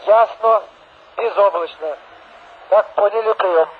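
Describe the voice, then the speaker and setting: A man reading out a weather report over a two-way radio, listing figures in a steady, clipped radio-procedure manner. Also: high voice, slow, breathy edge. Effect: heard over a walkie-talkie radio. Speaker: radio operator. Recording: tinny crackly radio transmission.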